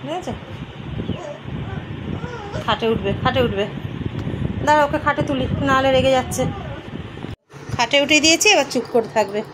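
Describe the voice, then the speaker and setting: A woman's voice: sits high, fast talker, background noise. A middle-aged woman chatting casually to her viewers in a home vlog, filmed on a phone camera indoors, cooing at her pet now and then. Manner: chatty, addresses viewers as friends, coos at pet. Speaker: vlogger.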